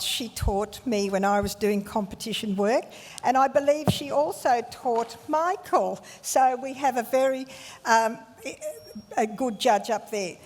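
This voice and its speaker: Female co-host, higher voice, introduces judges live, long hall reverb. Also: a little mellow. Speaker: event co-host. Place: live event venue. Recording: echoey hall sound.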